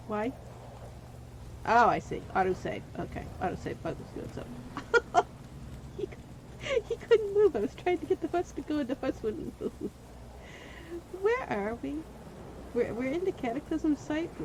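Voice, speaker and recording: A hoarse woman streamer talks over her gameplay, her worn voice swinging widely up and down as she rambles. She drifts from venting back to the game and out again. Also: on the high side, background noise. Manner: rambling, venting, jumping between rant and game. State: voice wearing out, hoarse. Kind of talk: live gameplay commentary.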